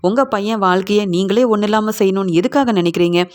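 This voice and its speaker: Serial recap: woman doing a firm, reproachful middle-aged wife, lecturing steadily at mid pitch. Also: fast talker, darkish tone, close to an everyday voice. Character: defiant middle-aged woman scolding her mother-in-law. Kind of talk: retelling a TV serial scene.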